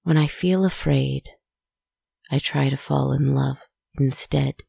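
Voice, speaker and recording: A woman softly narrating a guided relaxation story in a hushed, soothing, spa-like manner, with deliberate, poetic phrasing. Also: very deep voice, fairly even intonation, creaky, breathy edge, no echo, studio quality.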